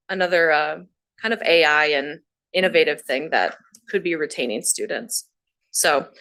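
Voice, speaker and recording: A woman's voice: on the low side, fairly bright tone. A woman giving a conversational presentation at a board meeting, often saying "you know" as she explains.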